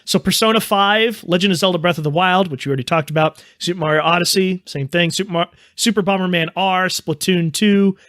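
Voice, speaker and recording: Male podcast host, upbeat lead, slightly high voice, dry close-miked sound. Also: a little fast, few pauses, a bit bright, dry recording. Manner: upbeat, leads the segments. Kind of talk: casual podcast chat.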